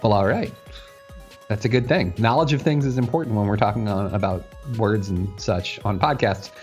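A man's voice: lowish voice, moderate pace, a little mellow, faint music behind. A man hosting a podcast in an informal, jokey, chatty way. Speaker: podcast host. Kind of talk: casual chat.

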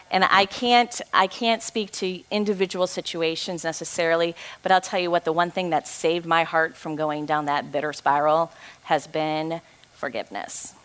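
A woman's voice: fairly low pitch, fairly bright tone. A woman in her forties speaks to a church gathering in an earnest, exhorting manner, folksy and direct. She urges her listeners on and closes with a heartfelt prayer. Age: 40s. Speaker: ministry co-founder speaking to a church group. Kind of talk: encouraging church talk ending in prayer.

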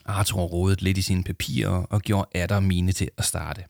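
Low, gravelly male storyteller. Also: flat delivery, a little mellow, dry recording, clean studio sound. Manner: casual, self-deprecating. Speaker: podcast host and reader. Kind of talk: reading a children's story aloud.

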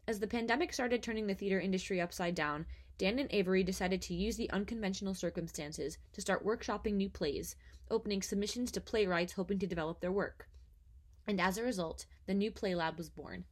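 A young woman hosting an interview podcast, reading a scripted intro and then asking friendly conversational questions. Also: medium pitch. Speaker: podcast host.

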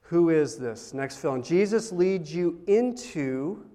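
Middle-aged man, pastor, conversational sermon, fairly high voice, storytelling. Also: slow pace. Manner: casual, storytelling, animated swings in loudness.

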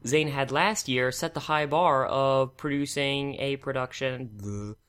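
A man's voice: medium pitch, takes it slowly, a bit bright, clean tone. Wry man hosting a casual podcast. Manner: wry, joking. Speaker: podcast host. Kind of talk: casual chat.

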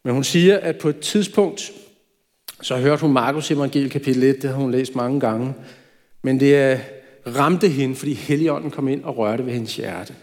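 A man's voice: mid-range voice, a little mellow. A man preaching a sermon in a church, talking in a conversational way with light asides. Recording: reverberant church hall.

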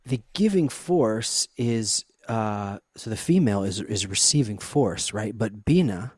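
A man's voice: lowish voice, animated, measured pace, darkish tone, breathy edge, no echo. A man hosting an interview, guiding the talk and asking probing, eager questions. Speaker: host.

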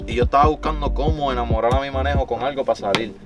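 Fast-talking man, music underneath. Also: medium pitch. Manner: animated, rapid talk, full of slang. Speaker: guest artist and producer. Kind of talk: casual interview chat.

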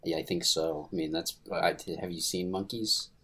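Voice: sits low, steady tone, moderate pace, pushed and bright, slightly rough. A co-host in a casual comedy chat making offhand quips. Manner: offhand, laughs often between quips. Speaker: podcast co-host.

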